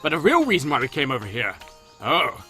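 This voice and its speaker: Playful let's-play host. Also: male voice, a little high, wildly swooping pitch, rapid-fire, sharp tone, faint music behind. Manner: playful, jokey, rambling asides. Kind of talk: casual game commentary.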